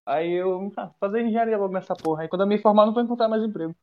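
Fast, high-voiced young man. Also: narrow, tinny audio. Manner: rambling, profane, many restarts. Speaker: guest. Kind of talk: casual storytelling among friends. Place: bathroom, during an online class.

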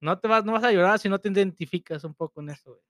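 A young man with a Mexican Spanish accent co-hosting a casual podcast, laid-back and slangy, quick to swear. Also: high-pitched, fairly bright tone, dry recording, clean studio sound. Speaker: podcast co-host. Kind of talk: casual chat.

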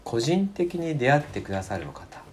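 Man preaching with lively, swinging pitch. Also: moderate pace. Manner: emphatic, repeating key phrases, dropping to soft near-whispers. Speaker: pastor. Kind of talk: sermon with scripture reading. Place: church service.

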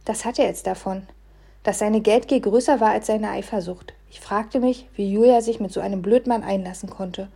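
Mellow woman reading an audiobook. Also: medium pitch, normal speed, vocal fry, husky. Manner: expressive, shifts between hushed and loud for the scene. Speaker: audiobook reader. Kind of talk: scripted audiobook narration.

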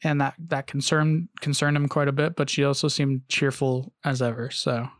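A man's voice: mid-range voice, flat delivery, normal speed, no echo, clean studio sound. A man hosting a casual podcast, telling a story with frequent "uh"s and restarts and reading long quotes aloud. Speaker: podcast host.

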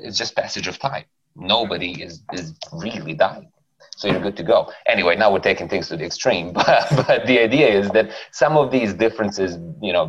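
A man, a guest psychologist chatting casually on a podcast, relaxed and swearing freely, often ending points with "right?". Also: fairly low pitch, husky. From Serbia. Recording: dull lo-fi podcast audio.

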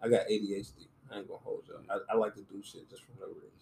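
A man tells a story casually on a podcast, animated and laughing often, acting out other people's lines in raised voices. His voice is lowish with vocal fry, and he speaks very fast. The recording sounds roomy with faint noise.

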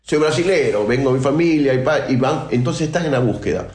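A man's voice: mid-range voice, expressive, brisk, darkish tone. Outspoken man in an echoey room. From Peru. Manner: emphatic, outspoken, many restarts. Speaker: guest percussionist. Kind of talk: casual interview talk.

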